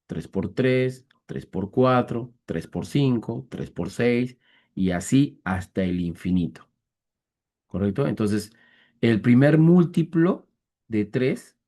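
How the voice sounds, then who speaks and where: Man, teacher, online math lesson, mellow voice, patient, slow step-by-step, checks understanding often, video call. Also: mid-range voice. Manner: slow, deliberate step-by-step counting.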